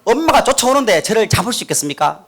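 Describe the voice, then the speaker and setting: A middle-aged man from North Gyeongsang, Korea, gives a humorous testimony as a guest speaker in a church hall, his high voice rapid-fire and very expressive. He acts out quotes in different voices and leads the crowd in call-and-repeat, while audience laughter fills the noisy background.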